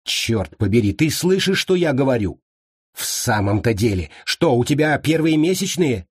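Stern young female gym teacher, read by a man, curt and cold, audiobook scene, husky, dry close sound. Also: medium pitch, big pitch swings, normal speed, no room sound. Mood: irritated. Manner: curt, snapping commands.

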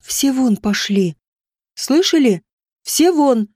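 Woman voicing a dying witch mother, low and breathy. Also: expressive, darkish tone, no room sound, clean studio sound, full character voice. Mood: commanding. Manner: low, muffled, breathy and slow. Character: dying noblewoman, a witch mother, stern yet tender.

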